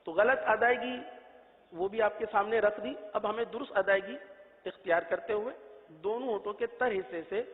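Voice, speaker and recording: Male recitation teacher, high voice, drawn-out sung letters, thin tinny audio. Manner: asks and answers his own questions. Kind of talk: patient spoken lesson. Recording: tinny phone-like echoey audio.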